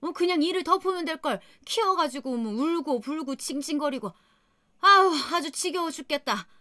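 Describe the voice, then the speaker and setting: A woman voicing a harsh older mother-in-law who berates and belittles in a shrill, contemptuous way. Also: lively intonation, normal speed, bright, forceful tone, no echo, studio quality. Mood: contemptuous berating.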